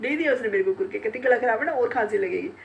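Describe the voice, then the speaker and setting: A woman's voice: on the high side, racing, creaky, dull audio, slight background noise. Chatty woman with a stuffy head cold. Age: middle-aged. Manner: chatty, laughing often, retelling family talk. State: congested and sore-throated from a cold. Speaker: vlogger. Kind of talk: casual chat to camera.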